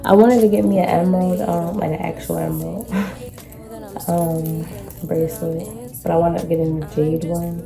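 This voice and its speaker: Female haul vlogger, low register, loose slangy chat, clear music bed underneath. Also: little pitch movement, moderate pace. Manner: rambling, informal, slangy. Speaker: vlogger showing a shopping haul. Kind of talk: casual chatty haul vlog.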